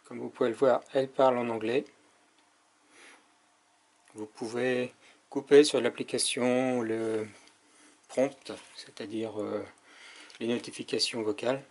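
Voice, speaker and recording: A man's voice: mid-range voice, steady tone, unhurried, long pauses, darkish tone. A man giving a casual hands-on product demonstration as a tech reviewer, explaining step by step with frequent hesitations.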